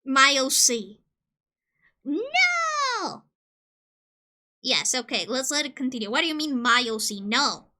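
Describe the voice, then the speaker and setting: A woman from Colombia streaming casually, joking and reading game questions aloud, with sudden loud squeals. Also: sits high, sing-song, takes it slowly, pauses often.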